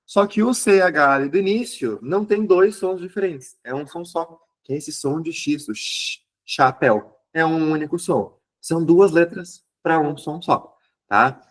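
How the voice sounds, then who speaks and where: A man's voice: on the high side, unhurried. A male teacher, giving an exam review lesson and checking in with listeners as he explains. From southern Brazil.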